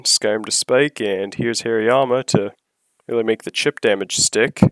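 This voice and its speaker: A slightly sick man giving relaxed, analytical play-by-play commentary on a video game battle, often pausing with "so" and "yeah" and clearing his throat. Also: on the low side, no room sound. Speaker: match commentator.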